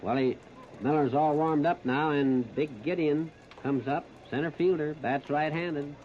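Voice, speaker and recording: The 1930s radio recording, muffled and noisy from its disc, features an American man calling baseball in short, folksy, plain-spoken phrases. He sounds unhurried, with a voice on the high side.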